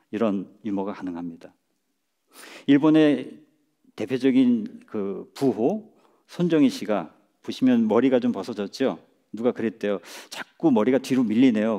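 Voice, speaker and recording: Mellow-voiced man giving a lecture. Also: mid-range voice. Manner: measured, chuckles at his own jokes. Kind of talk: public lecture. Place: lecture stage before an audience.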